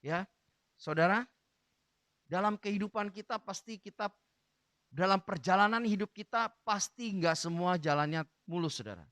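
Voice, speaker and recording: A male pastor preaching, retelling a Bible story dramatically and shouting out the characters' cries. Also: high-pitched, normal speed, no room sound, clean studio sound. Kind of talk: sermon with Bible reading. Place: church hall.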